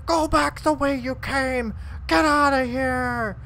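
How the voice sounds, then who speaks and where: A woman voicing a big, hostile male farmer who shouts threats. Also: sits high, steady tone, slow, slight background noise, voice pushed up, full character voice. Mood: threatening.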